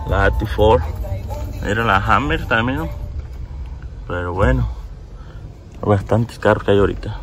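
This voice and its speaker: A man with a Mexican Spanish accent vlogging casually on his phone, telling a story in an animated way and acting out both sides of an argument. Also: lowish voice, slight background noise. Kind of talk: casual vlog chat.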